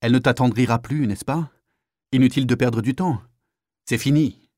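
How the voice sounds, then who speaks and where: A man's voice: mid-range voice, normal speed, a little mellow, no room sound, close to an everyday voice. Brief: man doing a brutal officer, harsh and exasperated, dry close recording. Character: cruel, impatient male officer.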